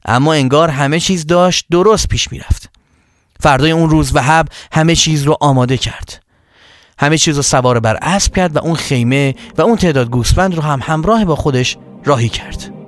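A male storyteller telling a religious story to children in an expressive narrating voice. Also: fairly high pitch, no room sound, clean studio sound.

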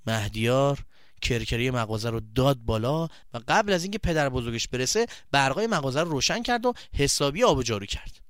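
A man narrating a story for children, addressing them directly in a lively storytelling manner. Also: mid-range voice, clear, resonant tone, dry recording, studio quality.

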